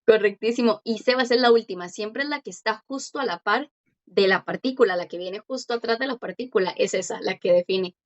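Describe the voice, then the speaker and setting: A woman teaching a language class online, patiently explaining and slowly repeating words for her students. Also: mid-range voice, dull audio.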